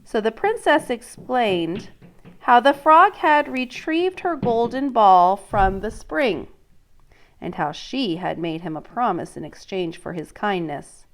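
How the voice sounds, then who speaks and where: This teacher's voice is medium in pitch as she reads a children's story with expressive, careful delivery. Along the way she pauses to question the little ones and draw them in.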